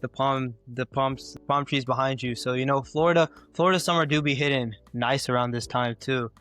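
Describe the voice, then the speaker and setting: Rambling, slangy young-sounding host from Memphis. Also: male voice, medium pitch, fairly even intonation, a little fast, a bit bright, smooth. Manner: rambling, slangy, many restarts. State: hoarse, cough. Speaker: podcast host. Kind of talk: casual interview chat.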